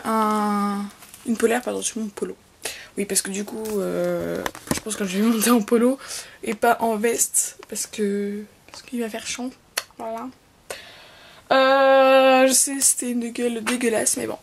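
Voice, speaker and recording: A teenage girl vlogging casually at home, rambling with lots of fillers and restarts, her voice slightly hoarse. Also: fairly high pitch, a little mellow, a little hiss or hum. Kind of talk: casual vlog chat.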